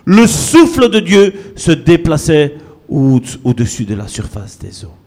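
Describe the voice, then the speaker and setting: A man preaching a sermon as pastor, swinging between loud bursts and low, quiet lines. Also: big pitch swings, a little slow.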